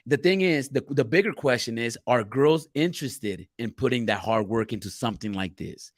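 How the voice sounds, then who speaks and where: A man's voice: mid-range voice, moderate pace, dry recording, clean studio sound. A man co-hosting a casual live-stream chat, talking loosely and bluntly with plenty of cursing and reading viewer questions aloud. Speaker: podcast co-host.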